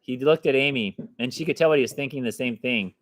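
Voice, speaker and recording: A man reading a children's novel aloud, then breaking off to chat about the story. His voice sits at a middle pitch and is recorded dry and close, with no room sound. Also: quick pace, dry recording. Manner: stops to explain the plot in a chatty aside. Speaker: book reader.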